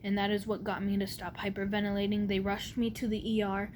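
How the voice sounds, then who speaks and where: Flat-toned young woman with stiff, muffled articulation. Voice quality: slightly muffled articulation from a barely opened mouth. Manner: rambling, halting delivery. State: sore mouth after wisdom tooth removal. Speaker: vlogger. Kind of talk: casual personal storytelling to camera. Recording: clear background noise with low rumble.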